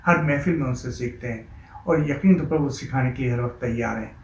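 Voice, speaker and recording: A male host giving a formal, measured, admiring tribute to a writer. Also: medium pitch. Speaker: show host. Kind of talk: scripted tribute segment. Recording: echoey room with faint noise.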